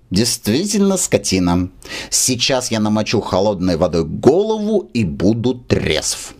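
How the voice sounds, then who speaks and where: A man voicing a tearful, rambling drunk male musician who lodges in a rented room, with slow, slurred, sentimental speech. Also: on the low side, darkish tone, full character voice. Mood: apologetic.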